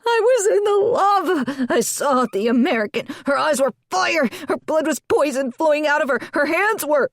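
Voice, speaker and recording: A man voicing a frantic, delirious teenage boy who is a shapeshifting crow, screaming and raving in a very high voice. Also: lively intonation, moderate pace, hardly any pauses, a bit bright, no echo, studio quality, exaggerated voice.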